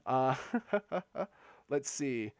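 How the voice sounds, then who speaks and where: A man's voice: mid-range voice, fairly even intonation, extremely slow, a little mellow, clear, resonant tone, dry recording, clean studio sound. A man streaming a game live, chatting casually with viewers, laughing often and repeating words as he talks. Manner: giggly, stammers and repeats words; chats with viewers while playing. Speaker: gaming streamer.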